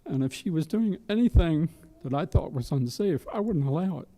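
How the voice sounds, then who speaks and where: A man giving emotional public testimony as the applicant's father, halting and earnest, with repeated restarts. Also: on the high side, expressive, warm tone. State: emotional, voice catching. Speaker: public hearing speaker, parent of applicant.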